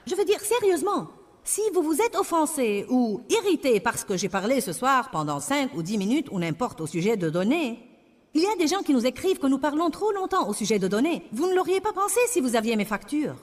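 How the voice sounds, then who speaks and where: A woman's voice: high voice, big pitch swings, a little fast, in a large hall. A woman preaching a sermon in a French voice-over, with emphatic, repetitive declarations.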